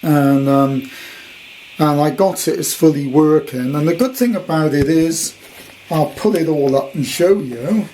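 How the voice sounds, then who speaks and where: A vintage radio collector shows off his purchase in an informal, rambling, hands-on showcase full of jokey wordplay, recorded in a room at home. His voice sits on the high side, a little slow and warm, and the home recording is clearly noisy.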